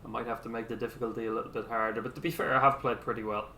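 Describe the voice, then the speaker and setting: Gravelly, low-key man chatting over gameplay. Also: fairly even intonation, racing, sharp tone, a little hiss or hum. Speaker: video game player commentating. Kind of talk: casual gameplay commentary. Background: golf game audio.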